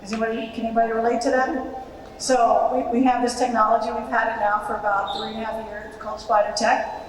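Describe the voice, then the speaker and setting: A woman's voice: fairly high pitch, little pitch movement, fast talker. American woman presenting in a very echoey hall. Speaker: police official presenting. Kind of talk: public presentation with audience questions. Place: large reverberant event room. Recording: very echoey hall, distant, faint noise.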